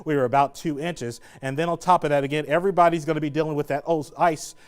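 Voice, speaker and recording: A man's voice: on the high side, fairly even intonation, fast, clear, resonant tone. A man, a TV meteorologist giving a live weather forecast in a chatty, joking way, slightly out of breath. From Southern Indiana. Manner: chatty, jokey, laughs between points.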